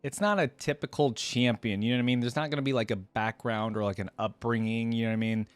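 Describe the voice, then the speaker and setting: A fast-talking man hosts a reaction video, offering casual commentary, thinking out loud, and reading aloud at times. His mid-range voice is steady, clear, and resonant. There's no room sound at all.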